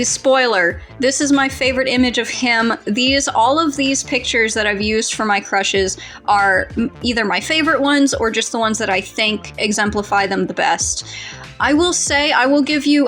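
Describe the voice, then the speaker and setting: A woman's voice: fairly high pitch, fairly bright tone. A young woman co-hosting a casual podcast chat, giggly and often laughing through her words. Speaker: co-host ranking her fictional crushes.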